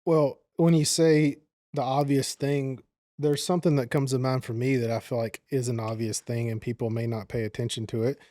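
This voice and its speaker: Man, podcast co-host, measured, modest, mellow voice, dry. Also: mid-range voice, little pitch movement, no echo. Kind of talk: casual conversation.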